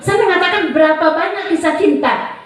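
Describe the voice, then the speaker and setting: A woman's voice: very high-pitched, fairly quick. A woman in her forties, a psychology lecturer giving a chatty, joking seminar talk and quizzing her audience. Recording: very echoey hall, voice far from mic.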